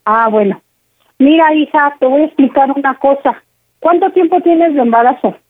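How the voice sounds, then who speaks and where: A woman's voice: high-pitched, moderate pace. A middle-aged woman on the phone, a firm and protective mother who keeps cutting in with "a ver". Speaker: prank call target, mother. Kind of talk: phone conversation. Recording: tinny phone line.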